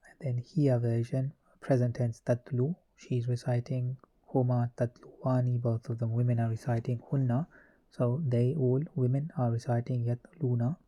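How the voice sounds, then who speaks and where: Dark-voiced man drilling grammar tables. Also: medium pitch, normal speed. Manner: methodical, reciting verb forms in a steady list. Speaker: Arabic grammar teacher. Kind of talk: conjugation lesson walkthrough.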